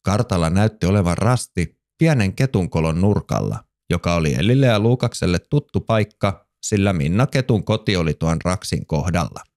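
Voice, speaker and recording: A man narrating a children's story in a gentle storytelling manner. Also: sits low, sing-song, few pauses, no room sound, studio quality.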